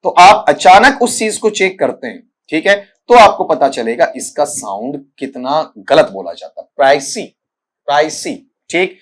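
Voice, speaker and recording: Brief: middle-aged male tutor, somewhat high voice, lectures plainly with a scolding edge. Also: animated. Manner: addresses students as beta, repeats "thik hai" often; corrects pronunciations by saying sounds slowly one by one. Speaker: English teacher. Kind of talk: exam-prep lecture.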